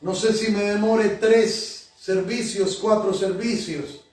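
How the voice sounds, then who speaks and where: Slow and with fairly even intonation, a male pastor and prophet with a high voice offers fervent prayer within his sermon, heard distantly in a reverberant sanctuary. He repeats "Señor" and "Padre" between phrases as soft music plays in the background.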